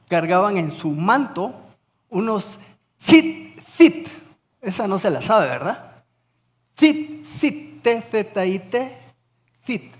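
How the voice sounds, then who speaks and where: A man preaching a sermon in a conversational way, often asking his listeners questions. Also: high-pitched. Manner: conversational, asks the congregation questions, tells anecdotes. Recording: reverberant church hall.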